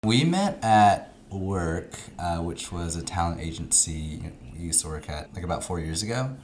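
Young man, podcast guest, low pitched, faint background hiss, hesitant fillers. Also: expressive, a little mellow. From California, USA. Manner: halting, laughing, full of ums and likes. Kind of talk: casual chat.

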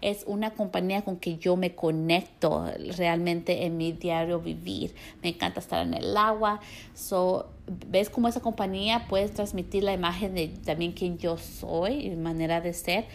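Woman from california, creaky gravelly voice, casual advice vlog, chatty, slips words in. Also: fairly low pitch, steady tone, moderate pace, slight background noise. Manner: chatty, mixes English words like "so" into Spanish. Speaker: stylist and social media creator. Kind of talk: casual advice talk to viewers.

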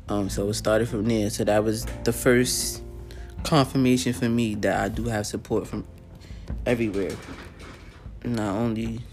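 Guy hosting his own show, low gravelly voice, earnest and a bit tired, keeps clearing his throat. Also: a little mellow. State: tired, yawning. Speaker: podcast host. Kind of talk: casual personal storytelling.

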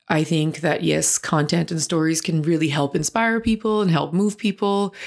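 A podcast host with a Quebec French accent delivers a long, earnest introduction peppered with fillers. Her voice is low, with vocal fry.

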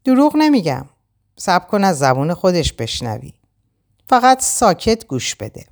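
A woman's voice: fairly low pitch, very animated, pitched above the performer's own voice. A woman reading the lines of a reproachful, blunt young man in a storybook. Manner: reproachful, firm.

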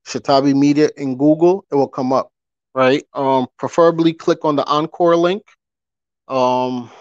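A podcast host rants in a casual live stream, speaking emphatically, hammering his points repeatedly and throwing out rhetorical questions. His voice is medium-pitched, and the recording is dry, dull and lo-fi.

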